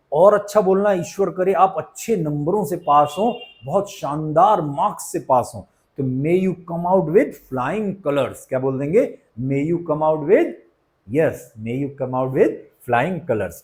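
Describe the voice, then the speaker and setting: Man teaching English phrases slowly. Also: fairly high pitch, darkish tone. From India. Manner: explains in Hindi, says English phrases slowly and clearly; playful, asks the viewers questions and jokes. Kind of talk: spoken English lesson.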